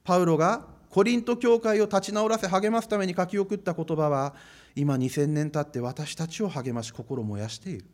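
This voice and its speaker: A man's voice: fairly high pitch, moderate pace, darkish tone. A man preaching a sermon as pastor, emphatic and repeating phrases for stress.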